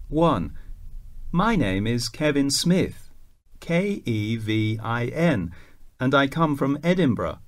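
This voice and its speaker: A man reading a self-introduction for a listening exercise, spelling out his name clearly. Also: mid-range voice, big pitch swings. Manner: slow, clearly enunciated, spells out names. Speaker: exam recording reader.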